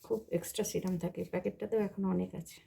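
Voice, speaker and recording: A woman's voice: lowish voice, steady tone, fast talker, gravelly, warm tone, slightly rough. A woman chatting casually in a home vlog, explaining things as she shows them around her house. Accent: Bengali. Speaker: vlogger.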